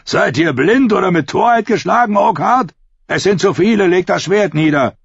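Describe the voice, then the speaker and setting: Scornful mocking knight, high raised taunts, as a husky narrator puts him on, dull recording. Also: male voice, lively intonation, moderate pace, no echo, full character voice.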